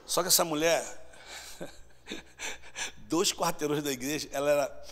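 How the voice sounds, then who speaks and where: A man preaching a lively storytelling sermon, acting out voices and shouting at times. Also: fairly high pitch, unhurried. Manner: animated, acts out voices and shouts. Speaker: pastor. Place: church sanctuary. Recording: long church hall reverb.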